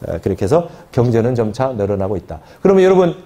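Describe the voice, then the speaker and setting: Monk guy teaching scripture, mellow voice, bouncy intonation, keeps checking the class agrees. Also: mid-range voice, very animated, quick pace, dull audio. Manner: explanatory, repeats key phrases and asks the class for agreement. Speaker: Buddhist monk lecturer.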